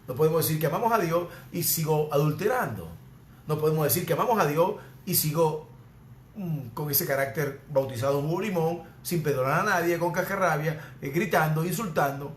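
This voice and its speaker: A Venezuelan man preaches from the pulpit in a slightly high voice, circling back to the same emphatic refrain again and again. The recording carries an echoey church room with a faint hum of background noise. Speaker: pastor. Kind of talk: sermon. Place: church sanctuary.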